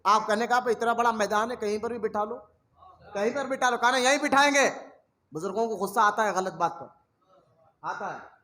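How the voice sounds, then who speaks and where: A male preacher with a very high, bright and forceful voice delivers an impassioned sermon. He tells stories, rising to shouted emphasis and calling out to the crowd. The sound carries the echo of a large gathering's speakers. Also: long pauses. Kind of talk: sermon storytelling. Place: religious gathering hall.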